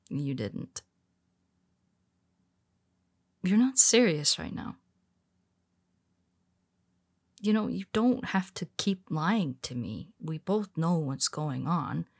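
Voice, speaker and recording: This woman's low-sitting voice carries vocal fry and a breathy edge, pushed into an exaggerated performance. She plays a strong, blunt superhero who is quietly vulnerable, chatting in an intimate audio roleplay with hesitant asides, and she comes across as skeptical.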